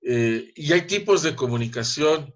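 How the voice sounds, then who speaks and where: A man's voice: on the high side, lively intonation, measured pace, highs cut off. A middle-aged man with a Mexican Spanish accent giving a university class over a video call, conversational and emphatic, often asking rhetorical questions. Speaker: university lecturer. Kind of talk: online class lecture.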